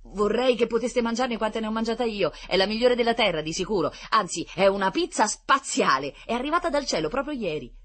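Storybook figure: bubbly little girl, high and bouncy, put on by a husky-voiced woman. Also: wildly swooping pitch, a little fast, heavily acted. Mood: eager. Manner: eager, squealing high, breathless insistence. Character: excited little girl from the countryside.

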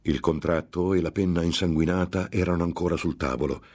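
A man's voice: low voice, steady tone, fairly quick, a little mellow, slightly rough. A man narrating a gothic tale in a grave, dramatic audiobook reading.

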